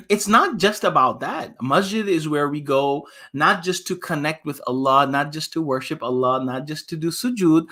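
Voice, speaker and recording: Hosting story time for kids, this imam reads and talks in a lively, conversational style, tossing questions to his audience. His voice is on the high side.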